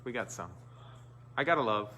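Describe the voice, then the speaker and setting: A man's voice: mid-range voice, expressive, moderate pace, noisy background. A man hosting a live stream in casual, joking banter, talking through a face mask. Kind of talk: casual chat.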